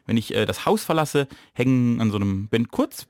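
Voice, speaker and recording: A man's voice: mid-range voice, animated, a little fast, darkish tone, no echo, studio quality. A man co-hosting a podcast in casual comedic chat, rambling and playful, often trailing off mid-sentence. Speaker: podcast co-host.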